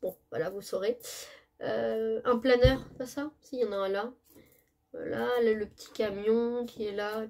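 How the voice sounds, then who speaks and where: A woman's voice: a little high, very noisy. Chatty woman showing craft supplies. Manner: chatty, loses her words, self-correcting. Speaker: scrapbooking haul vlogger. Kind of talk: casual haul presentation.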